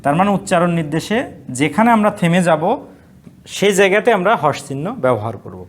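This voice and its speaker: A man's voice: fairly high pitch, very animated, quick pace. A man teaching an online college class, explaining rules step by step and answering his own questions. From Bangladesh. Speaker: college Bengali lecturer.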